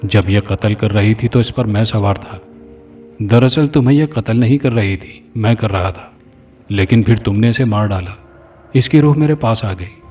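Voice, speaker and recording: A man's voice: fairly low pitch, dark tone, natural voice. A man voicing a menacing male spirit that has possessed an old father, speaking coldly and threateningly. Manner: cold, threatening. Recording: distant mic, faint background music.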